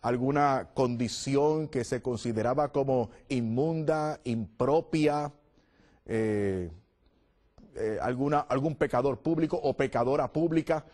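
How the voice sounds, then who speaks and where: A man's voice: mid-range voice, unhurried, darkish tone. A man preaching a sermon, telling the story with drama and acting out the voices of the crowd.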